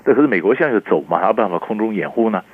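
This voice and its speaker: Animated professor on a tinny phone line. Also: male voice, lowish voice, rapid-fire. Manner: animated, repeats words while building points. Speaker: political science professor, phone-in guest. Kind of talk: radio news analysis over the phone. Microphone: telephone.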